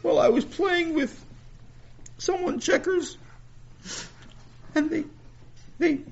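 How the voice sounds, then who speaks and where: A man voicing an anxious, fretful young schoolboy in a high, pleading, whiny voice. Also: takes it slowly, gravelly, full character voice. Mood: whining. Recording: dull lo-fi recording.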